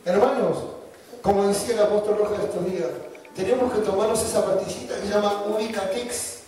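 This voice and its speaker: A man's voice: high-pitched, steady tone, fairly quick, warm tone, a little hiss or hum. A man with a Rioplatense Spanish accent preaching a sermon, joking and mocking as he acts out quoted voices. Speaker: pastor. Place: church hall. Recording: echoey church from a distance.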